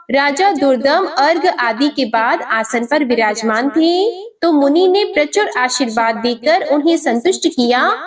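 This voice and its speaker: Woman narrator, high voice, steady scripted storytelling of a devotional tale, mic set a bit back. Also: recorded from a distance.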